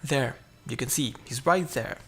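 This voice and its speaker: A man's voice: mid-range voice, measured pace, a bit bright, faint music behind. A man narrating his own survival game playthrough, chatty and explaining each move as he goes. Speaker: gameplay narrator.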